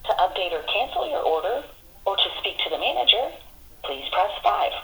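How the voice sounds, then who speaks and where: A woman's recorded phone menu message, reading out polite, even prompts about which keys to press. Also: medium pitch, moderate pace. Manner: polite, even instructional delivery. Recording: noisy phone line from far off.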